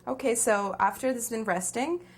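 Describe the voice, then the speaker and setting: A woman's voice: fairly high pitch, fairly quick, husky. A woman in her thirties with a Venezuelan accent, giving informal step-by-step cooking instruction in a home kitchen. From Caracas, Venezuela. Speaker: cooking demonstrator. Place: small home kitchen, indoors.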